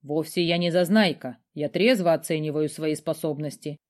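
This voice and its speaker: Self-assured young male necromancer, calm and measured, low voice, played by a woman reader. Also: natural voice. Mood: confident. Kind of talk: audiobook character voice.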